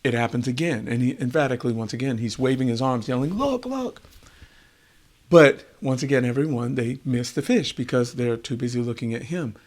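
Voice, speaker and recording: A male storyteller relating a wisdom tale at an unhurried pace. He leans on repetition to let each moment sink in, with a voice of ordinary pitch for a man. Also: fairly even intonation, darkish tone. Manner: unhurried, repeats words for effect. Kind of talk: oral wisdom tale telling.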